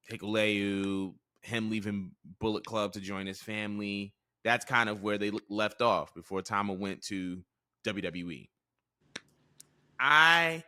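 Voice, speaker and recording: A man co-hosting a casual chat show, leading the topics in a clear, steady, presenter-like way. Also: lowish voice, no room sound, studio quality. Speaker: podcast co-host.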